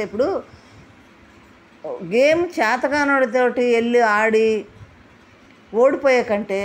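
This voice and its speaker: A woman gives a casual, animated recap of a reality show. She acts out what people said and asks rhetorical questions. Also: fairly high pitch. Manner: animated retelling, acting out quotes, asking rhetorical questions. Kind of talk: casual spoken recap and commentary.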